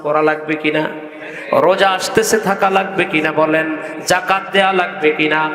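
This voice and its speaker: Male preacher, high and bright, delivers a sung, rising sermon that keeps calling questions out to the crowd, recorded in an echoey hall. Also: fairly even intonation, normal speed. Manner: chanting Quranic verses, calling out questions to the crowd. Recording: echoey hall, long reverb.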